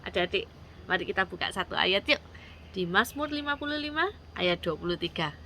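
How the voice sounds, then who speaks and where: Bright-voiced woman telling children a Bible story. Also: medium pitch, brisk, slight background noise. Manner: lively, coaxing tone for children.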